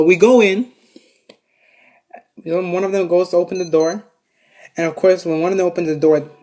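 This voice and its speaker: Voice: mid-range voice, slight background noise. Rambling, swearing storyteller vlogger. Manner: rambling, profane, many fillers. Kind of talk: casual storytime monologue. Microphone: camera set up in front of them.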